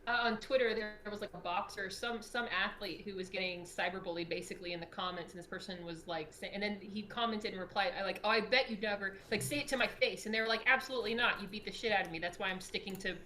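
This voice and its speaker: A woman's voice: mid-range voice, steady tone, quick pace, few pauses, over a noisy crowd, low-quality recording. A woman hosting a Q&A, chatting casually and reading out comments from the chat. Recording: clear background noise.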